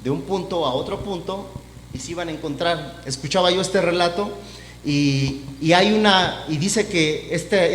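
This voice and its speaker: High-voiced pastor in an echoey hall. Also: male voice. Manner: conversational preaching, acts out voices of people, many restarts. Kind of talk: sermon. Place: church. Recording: echoey church hall with faint hum.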